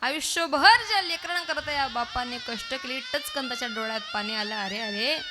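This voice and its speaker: A woman's voice: high voice, very animated, a little fast, over loud music. A woman kirtan preacher telling an emotional devotional story and acting out the voices in it. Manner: emotional, dramatic, acts out voices in quotes.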